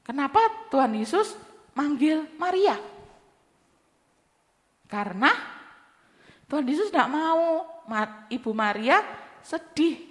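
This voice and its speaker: Animated woman telling children a story. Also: high voice, slow, long pauses, big-room sound. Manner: animated, sing-song, addresses children. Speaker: Sunday school teacher.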